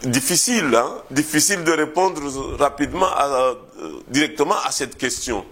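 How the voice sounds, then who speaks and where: A man from the Comoros, a historian answering interview questions in a measured, thoughtful way, often hesitating and repeating words as he thinks. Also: a little high, lively intonation, over music. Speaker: historian interviewed about his thesis.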